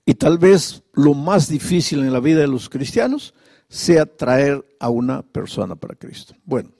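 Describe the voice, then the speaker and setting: High-voiced man preaching a sermon. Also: lively intonation, a little slow, creaky, dry recording, clean studio sound. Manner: emphatic preaching with repeated rhetorical questions; drops to a soft, confiding tone. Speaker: pastor.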